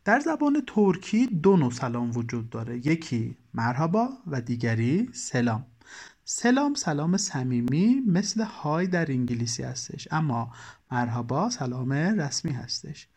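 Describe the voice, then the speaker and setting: A language teacher gives calm, clear instructional narration. The voice rises and falls often, keeping the explanations lively. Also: medium pitch.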